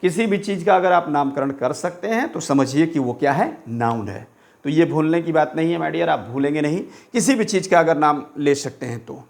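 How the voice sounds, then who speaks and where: A male English teacher with an Indian accent, giving a grammar lesson that mixes Hindi and English. He says example sentences slowly, repeats them, and asks questions that he answers himself. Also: fairly high pitch, animated, gravelly.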